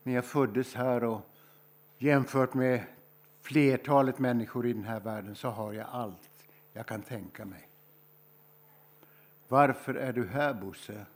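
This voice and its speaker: Swedish male preacher, mid-range voice, unhurried and thoughtful with weighty pauses. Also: mid-range voice, steady tone, a little mellow. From Sweden. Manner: slow, reflective storytelling with emphatic pauses. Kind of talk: sermon.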